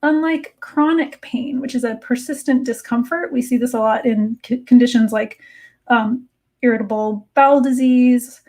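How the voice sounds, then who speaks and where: A woman with a slightly high voice gives an educational presentation. She explains things conversationally, as an expert walking listeners through her slides. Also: normal speed, darkish tone. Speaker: cat behavior expert giving a presentation.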